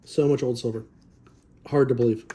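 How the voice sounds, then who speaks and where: A man's voice: medium pitch, steady tone, normal speed, warm tone, husky. A man vlogging while sorting coins, talking to his viewers and stammering and repeating words in amazement. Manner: addresses viewers directly. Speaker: coin roll hunting vlogger.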